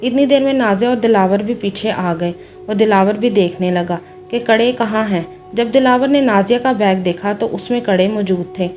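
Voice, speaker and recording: Woman narrating a story over soft music. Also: medium pitch, normal speed. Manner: steady, plain storytelling.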